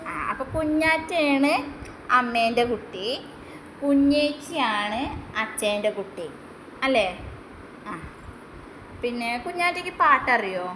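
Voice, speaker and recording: A young woman with a high, lilting voice talks to her small child in a relaxed home vlog. She keeps asking playful, coaxing questions in a sing-song way. The recording is roomy, with clear noise in the background. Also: measured pace, pauses often. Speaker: mother and vlogger. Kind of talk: casual home vlog, chatting with her toddler.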